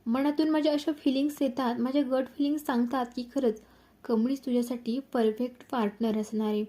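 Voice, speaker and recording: A frank, kind young man who speaks sincerely about whom he loves, as a woman narrator puts him on. The delivery is mellow and fairly flat. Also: high-pitched, fairly quick, lightly acted. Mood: earnest. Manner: earnest, explaining.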